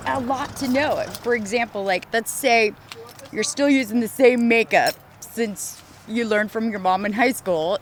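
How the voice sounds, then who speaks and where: A woman's voice: fairly high pitch, fairly bright tone, a little hiss or hum. A woman in her fifties giving an eager interview, with lots of filler words.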